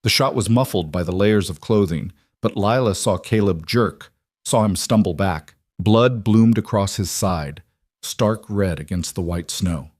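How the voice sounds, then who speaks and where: A man reading a scripted frontier story in a steady, measured way. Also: low-pitched, no room sound, clean studio sound. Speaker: narrator.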